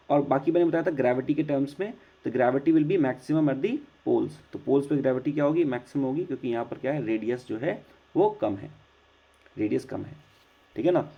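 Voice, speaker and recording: An Indian-accented man teaches a live online class, switching between Hindi and English and pausing to ask if everyone follows. He speaks slowly in a mellow, slightly husky voice. The audio is dull and lo-fi, as from a computer mic. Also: mid-range voice. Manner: mixes Hindi and English, checks in with students often.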